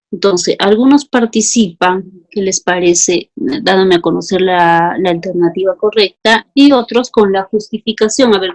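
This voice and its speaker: Woman teacher with a gravelly voice, reading out student answers and pressing for justifications. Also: medium pitch, darkish tone. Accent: Peruvian Spanish. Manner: calls students by name, asks for justifications.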